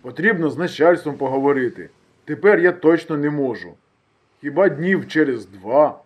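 A man reading an audiobook and voicing a hesitant, evasive friend who speaks slowly and reluctantly. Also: a little high, expressive, pitched above the performer's own voice. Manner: hesitant, slow, dragging. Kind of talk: audiobook character voice.

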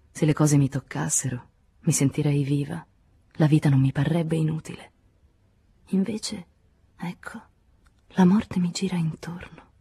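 A woman reading a literary novel aloud as an audiobook, quiet and intimate, often sinking to a whisper. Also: low-pitched, vocal fry, slightly rough. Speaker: audiobook reader.

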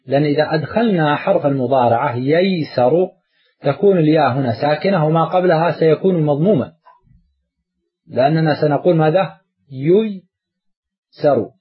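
Male teacher, lesson delivery, dull lo-fi sound, drags out example words, slightly high voice. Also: breathy edge. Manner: explains step by step, drawing out example words slowly. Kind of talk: morphology lesson.

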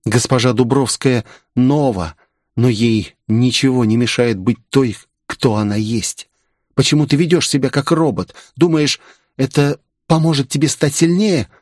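A man's voice: medium pitch, fairly even intonation, unhurried, a little mellow, no room sound, clean studio sound, close to an everyday voice. A man reading an audiobook voices a temperamental young woman who pleads and scolds. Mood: indignant. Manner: pleading, then indignant.

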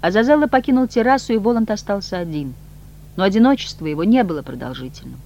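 An audiobook narrator reading with lively, expressive intonation and a mid-range pitch. A faint hum runs underneath the voice throughout. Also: quick pace, gravelly, highs cut off.

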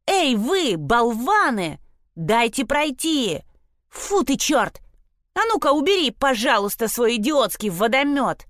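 Woman plays a loud bossy schoolgirl, higher pitched, snappy, dry studio read. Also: moderate pace, dry recording, lightly acted. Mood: angry. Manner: scolding, brash. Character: bossy loud young girl Nora.

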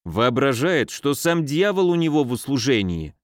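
Man playing sly footman, teasing, mocking, mid pitch, dry recording. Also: sing-song, moderate pace, no echo, close to an everyday voice.

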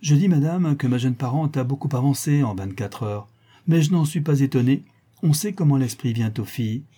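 A man's voice: medium pitch, expressive, moderate pace, mellow, slightly rough. A man reading the part of a sly, teasing aristocratic count with an ironic, amused manner. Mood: mocking.

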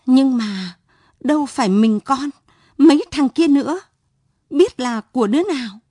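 A woman's voice: high-pitched, animated, a little slow, dark tone, husky, no echo, studio quality, pitched above the performer's own voice, full character voice. A woman voicing a frightened teenage son who stammers out evasive excuses in a storybook reading. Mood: nervous.

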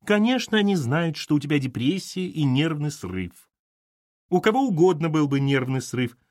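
A man's voice: a little high, sing-song, normal speed, a little mellow, no room sound, clean studio sound, pitched above the performer's own voice. A man doing a stern, commanding mother. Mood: soothing. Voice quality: stern, authoritative.

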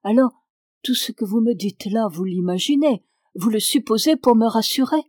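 A woman's voice: fairly high pitch, animated, normal speed, darkish tone, dry recording, studio quality. A woman reading the part of an anguished, agitated father who pleads urgently in a raised voice, in an audiobook. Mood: pleading.

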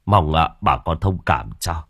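A man voicing a grieving middle-aged father who thanks the mourners in a slow, subdued, halting way. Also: very deep voice, animated, a bit bright, breathy edge, no echo, clean studio sound, full character voice.

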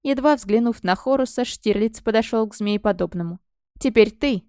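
A woman narrating a fantasy audiobook in the first person with expressive storytelling. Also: on the high side, a little fast, clear, resonant tone, no room sound, clean studio sound.

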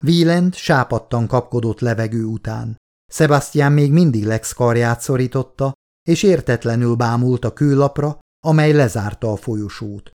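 A man reading an action novel aloud in a steady, measured storytelling voice. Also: medium pitch. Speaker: audiobook narrator. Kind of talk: scripted narration.

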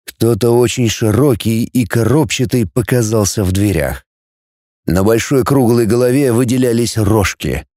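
A man reading an audiobook in a measured, expressive way. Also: mid-range voice, no room sound, clean studio sound. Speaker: audiobook narrator.

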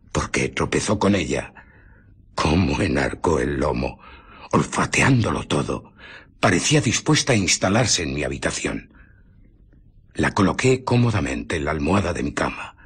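An actor with an accent from Spain playing an obsessive, irritable, secretive scientist in a radio drama, telling his story theatrically in a husky, breathy voice. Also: a bass voice, a bit bright, exaggerated voice. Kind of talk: Spanish radio drama acting.

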